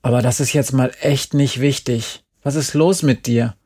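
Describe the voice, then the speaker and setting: A man's voice: mid-range voice, steady tone, normal speed, close to an everyday voice. A man reading the lines of a tough, brash teenage girl who talks bluntly and bossily. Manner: blunt, loud, bossy.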